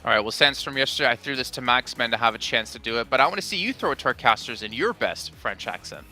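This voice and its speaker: Fast, very bright male esports desk host. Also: medium pitch, animated, faint music behind. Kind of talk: hosting analyst desk.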